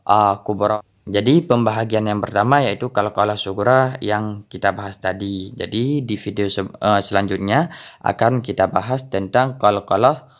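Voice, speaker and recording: A man teaching Quran reading, explaining slowly and reciting each example word in a drawn-out voice. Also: fairly low pitch. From Indonesia or Malaysia.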